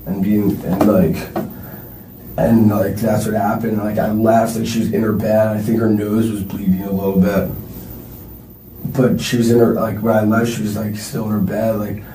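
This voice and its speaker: Questioned as a suspect in a police interview room, a young man with a low, mellow voice answers in a flat, halting, hesitant way, full of fillers and constantly saying "like." The recording sounds roomy and distant with faint noise.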